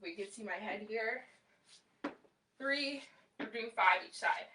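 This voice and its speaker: A woman's voice: medium pitch, slow, noisy background. A young woman leading a home workout class, cueing exercises and counting reps with encouragement as she moves. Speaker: fitness instructor. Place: small room at home, indoors. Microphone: far camera across the room. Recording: roomy echo, distant camera mic.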